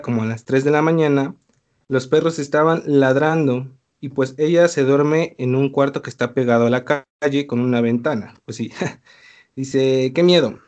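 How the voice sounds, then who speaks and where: A man's voice: fairly high pitch, darkish tone. A young man with a Mexican accent, co-hosting a casual talk show and telling a listener's spooky story in slangy, easygoing speech. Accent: Mexican Spanish. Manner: slangy, laid-back, laughs between lines. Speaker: podcast co-host reading a listener's story.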